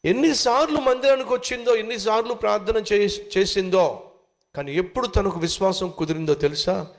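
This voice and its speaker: A man's voice: high-pitched, brisk. A male pastor preaching a sermon, with emphatic repetition and direct questions to the listeners.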